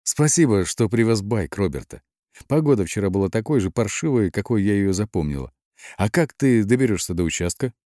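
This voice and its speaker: A man voicing a quick, pushy young woman who talks in eager, chattering bursts. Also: on the low side, lively intonation, mellow, no room sound, studio quality, close to an everyday voice.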